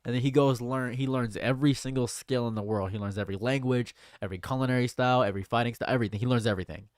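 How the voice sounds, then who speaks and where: A man's voice: medium pitch, very fast, clear, resonant tone, no echo, studio quality. A man in his late twenties chatting casually on a livestream, rambling and repeating his phrases. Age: late 20s. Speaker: streamer.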